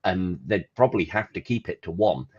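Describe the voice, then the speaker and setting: A man co-hosting a podcast, chatting casually and profanely about games with an animated, ranting manner. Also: low voice, brisk, husky, highs cut off. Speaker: podcast co-host. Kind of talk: casual gaming chat.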